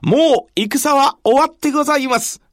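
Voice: sits high, moderate pace, no room sound, studio quality, voice pushed up, lightly acted. A storyteller voicing a male gate guard who reports formally and deferentially.

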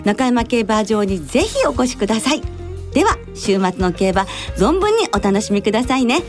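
A woman's voice: fairly high pitch, very animated, normal speed, faint music behind. A woman hosting a radio show, making announcements in courteous, formal language. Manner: courteous, formal sign-offs and interjections.

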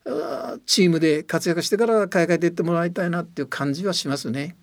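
A man's voice: on the high side, fast, no room sound. An older man with a slight Tochigi lilt, a radio guest explaining at length in an earnest, emphatic way. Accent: Tochigi-tinged Japanese. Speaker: guest, former soccer coach and commentator. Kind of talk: radio studio talk.

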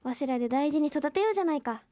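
A woman's voice: sits high, lively intonation, racing, warm tone, no room sound. A woman voicing a hearty old grandfather in a folk tale, using rustic old-man speech.

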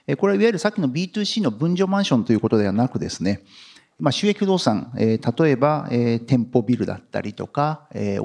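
Very polite male presenter with creaky voice. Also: medium pitch, a little mellow. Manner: very polite, formal business Japanese; halting, drawn-out filler vowels between phrases. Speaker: company president presenting. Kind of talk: formal investor seminar presentation.

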